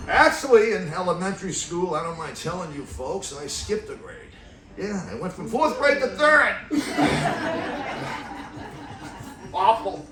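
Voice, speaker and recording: Stand-up comic, middle-aged man, high bouncy voice, deadpan one-liners, roomy club sound from back of the room. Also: takes it slowly, long pauses, recorded from a distance, a crowd in the background. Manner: deadpan one-liners, laughs at own jokes. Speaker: stand-up comedian. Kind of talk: stand-up comedy set. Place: comedy club stage with live audience. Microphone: stand mic away from mouth.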